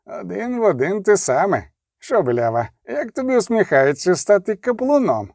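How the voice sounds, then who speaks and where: A man voicing a cold, menacing young nobleman who speaks with ominous calm and sneers. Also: high voice, moderate pace, creaky, no echo, clean studio sound, pitched above the performer's own voice, exaggerated voice.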